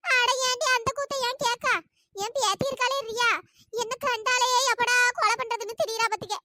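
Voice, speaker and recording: A woman's voice: very high voice, fairly even intonation, moderate pace, pushed and bright. A woman voicing a self-pitying old grandmother in a comic skit, with a whiny, complaining manner. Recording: noisy home recording.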